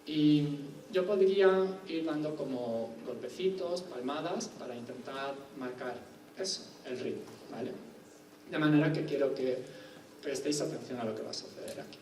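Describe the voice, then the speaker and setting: A man's voice: fairly high pitch, moderate pace, darkish tone, a little hiss or hum. A man giving a university lecture, explaining step by step and checking in with rhetorical questions. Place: lecture hall. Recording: echoey room from far off, faint ambience.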